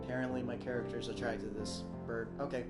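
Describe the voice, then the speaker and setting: A man's voice: mid-range voice, flat delivery, fast. A man streaming a game, reading a visual novel aloud with wry, joking comments, in an echoey room with guitar music behind. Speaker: let's play streamer.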